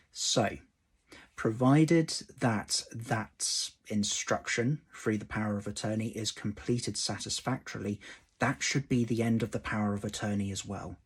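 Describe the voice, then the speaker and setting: A man, an employment law solicitor, explaining a legal point in a measured way and stressing key words. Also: on the low side, steady tone, breathy edge. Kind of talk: explanatory video talk to camera.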